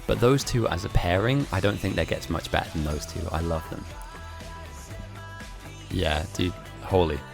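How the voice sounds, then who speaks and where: This man talks at a moderate pace in a low, animated voice with vocal fry, pausing often. Having grown up in Germany and Italy with German and Italian, he speaks with an English accent as he streams a game, reading viewer messages and chatting loosely with frequent laughs. Faint music runs underneath.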